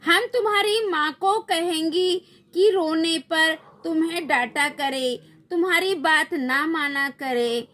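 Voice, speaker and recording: A woman voicing a stern, angry female figure who threatens and shouts at children, in a storybook reading. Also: fairly high pitch, expressive, takes it slowly, exaggerated voice.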